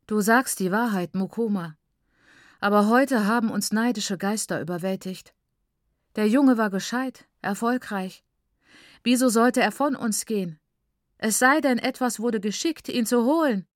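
A woman's voice: mid-range voice, normal speed, no room sound, pitched above the performer's own voice, close to an everyday voice. Grieving father, strained and lamenting, voiced by a woman narrator; dry studio read. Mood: anguished. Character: grieving father, distraught middle-aged man.

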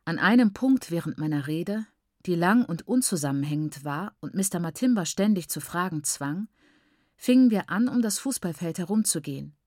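A woman narrating a first-person story in a measured, expressive reading. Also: on the low side, no echo, studio quality. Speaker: audiobook narrator.

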